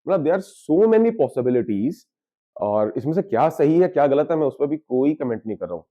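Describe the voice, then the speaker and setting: A man's voice: fairly high pitch, very animated, normal speed, highs cut off. A man, an astrologer, giving an explanatory spiritual talk. He mixes English terms into his speech and often poses questions and answers them himself. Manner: switches freely between Hindi and English.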